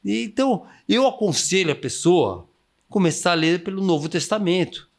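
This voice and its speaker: This is a man, a missionary, talking on a podcast with a fairly high, very lively voice that rises and falls. He gives his advice with a preacher's fervor and now and then slips into other people's voices to quote them. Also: normal speed, creaky. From Brazil. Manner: exuberant, acts out quoted inner voices, calls for amens. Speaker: missionary guest. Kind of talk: enthusiastic preaching-style advice.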